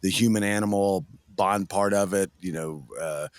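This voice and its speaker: Low-voiced man, dry close sound. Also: normal speed, dry recording. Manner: easygoing, rambling with "you know". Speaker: guest co-host, dog trainer. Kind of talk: casual podcast chat.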